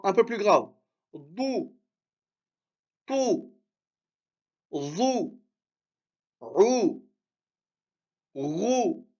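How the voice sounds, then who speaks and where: High-voiced encouraging male Arabic teacher. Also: lo-fi sound. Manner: encouraging, repeats and drills syllables slowly. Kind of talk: live online reading lesson.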